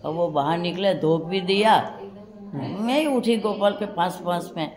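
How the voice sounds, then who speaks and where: A woman's voice: fairly low pitch, lively intonation, a little slow. An older woman telling her life memories in a rambling storytelling way, acting out what other people said, recorded in a hospital room. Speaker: interviewee recalling her past. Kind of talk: personal memoir storytelling. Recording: roomy recording with crowd noise.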